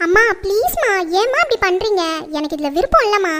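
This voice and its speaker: A woman's voice: very high-pitched, big pitch swings, fairly quick, noisy background. A woman acting as a pampered young daughter who whines and pleads with her mother. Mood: pleading. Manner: whining, pleading.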